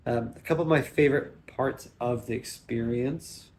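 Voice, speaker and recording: A man answers his wife's questions in a casual, earnest way, pausing often with ums. His voice has a gravelly, creaky edge. A faint hum of room noise sits behind him. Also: mid-range voice. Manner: earnest, hesitant with many ums. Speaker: husband being interviewed. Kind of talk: casual conversation.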